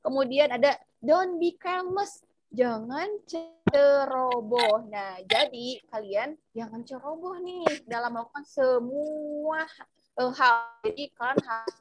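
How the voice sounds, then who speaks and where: A young woman with an Indonesian accent and a high voice teaches children English over a video call, switching between English and Indonesian and spelling phrases out slowly for her pupils. The recording is rough.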